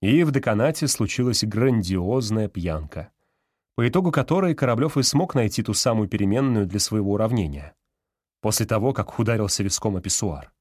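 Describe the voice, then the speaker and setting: A man reading a story aloud as an audiobook narrator with an even storytelling delivery. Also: on the low side, a little fast, no echo, clean studio sound.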